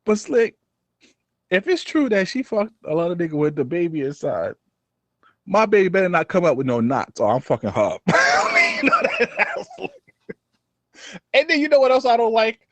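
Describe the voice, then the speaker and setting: A man co-hosting a casual podcast, talking in animated bursts that swing between loud outbursts and low mumbles. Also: a little fast, no echo. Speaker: podcast co-host.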